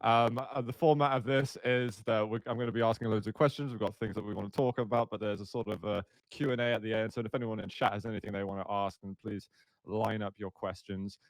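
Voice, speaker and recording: A man in his thirties hosts a casual podcast. His voice sits low and sounds dry and close, and he talks in a friendly way, steering the talk with one question after another. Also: fairly even intonation, fast, dry recording. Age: 30s. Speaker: podcast host. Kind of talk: casual interview hosting.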